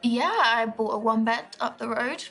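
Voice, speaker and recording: A blunt, gravelly-voiced dater. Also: female voice, on the high side, fairly bright tone. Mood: direct. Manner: direct and brisk. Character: blunt, ambitious woman firing questions at a date. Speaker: speed date. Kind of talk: live-action game acting.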